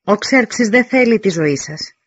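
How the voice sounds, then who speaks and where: A man voicing a grinning male envoy who calls out in slow, drawn-out phrases. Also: sits high, expressive, fairly bright tone, husky, dry recording, voice pushed up, exaggerated voice. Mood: coaxing. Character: smooth-talking grinning male envoy on horseback. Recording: dry, slightly dull recording.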